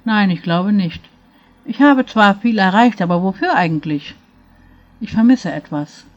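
A woman's voice: medium pitch, lively intonation, unhurried, lo-fi sound, close to an everyday voice. A woman voicing a grey-haired older woman who speaks earnestly and pleads, full of regret, in a storybook reading. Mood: unsure.

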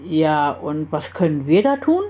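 A woman's voice: low-pitched, sing-song, measured pace, dark tone, lo-fi sound. A woman reading aloud and voicing the story's heroine, a doubtful but determined young woman. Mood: tense. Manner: tense, then resolute.

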